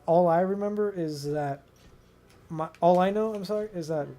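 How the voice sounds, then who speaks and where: This young American man, a video host, has a high, mellow voice and talks at a moderate pace. He tells stories to a friend in a loose, slangy, meandering way, frequently saying the same things again.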